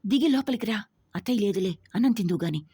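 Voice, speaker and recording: A woman voicing an anxious but bold young woman who questions sharply and loudly, in a husky voice. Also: medium pitch, animated, quick pace, no echo, voice pushed up. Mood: startled, eager.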